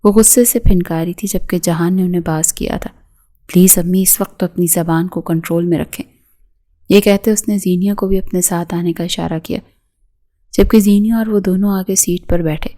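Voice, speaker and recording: A woman giving scripted narration of a romance novel in a steady, even reading. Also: on the low side.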